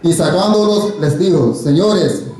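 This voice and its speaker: A man reading scripture aloud in church in a slow, measured way. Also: fairly high pitch, expressive, a little mellow. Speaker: scripture reader. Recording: echoey church hall.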